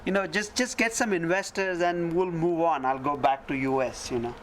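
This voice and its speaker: An actor playing a middle-aged doctor turned stubborn film producer, insistent and exasperated in conversation. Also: male voice, on the high side, normal speed, fairly bright tone, slight background noise, close to an everyday voice, poor audio. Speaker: doctor and aspiring filmmaker.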